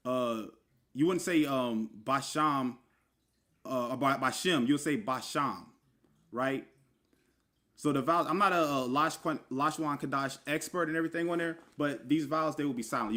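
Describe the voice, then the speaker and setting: In a casual online session with screen share, a religious teacher explains what scripture words mean, spelling each one out letter by letter. His voice is medium-pitched with a fairly bright tone. He keeps it informal, addressing the listener as brother and scattering fillers and asides throughout.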